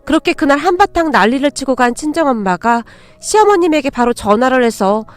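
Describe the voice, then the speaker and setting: A woman's voice: high voice, expressive, fairly quick, soft background music. A woman narrating a dramatic first-person family story with emotion.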